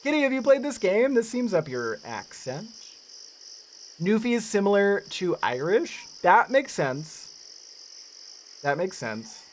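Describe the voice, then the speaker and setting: Game streamer, goofy and playful, very animated pitch, slow pace, faint crickets. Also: a little hiss or hum. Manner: playful, goofy, talks to chat. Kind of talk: casual live game commentary.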